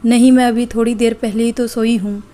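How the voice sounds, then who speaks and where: A woman voicing a drowsy, reluctant young wife in a storybook, in an even tone. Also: on the high side, fairly quick, natural voice. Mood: sleepy. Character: sleepy, lazy young wife.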